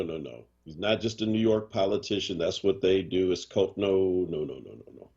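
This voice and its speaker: On a muffled recording, a man with a deep, slightly rough voice and a Boston accent hosts a morning radio show. He chats casually and animatedly, joking, teasing and putting on mock voices.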